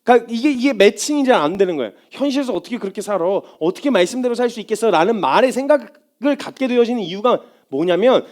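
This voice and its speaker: A man's voice: high-pitched, a little mellow. A man preaching as a missionary, in a conversational style that often slips into acting out inner thoughts. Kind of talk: sermon.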